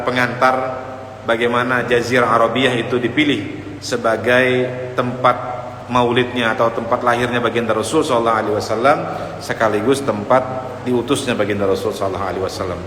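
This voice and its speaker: Speaking briskly with a steady, medium-pitched tone that sounds pushed and bright, an Islamic preacher teaches his congregation about the Prophet's biography in a conversational, informal way. He speaks straight to his listeners, mixing in Arabic phrases and quotations, and the echoey hall carries faint background noise.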